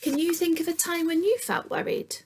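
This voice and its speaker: A woman with an extremely high voice reads a picture book to young children in teacherly style, moving along fairly quickly. She reads expressively, drops into hushed moments, and asks her audience questions, over a slight hiss or hum.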